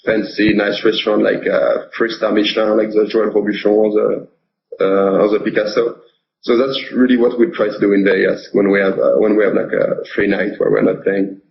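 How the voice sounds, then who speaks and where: A young man from France with a French accent, speaking in a halting way with many fillers as a guest in a casual interview. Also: on the low side, creaky, highs cut off, noisy background. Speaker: poker pro guest.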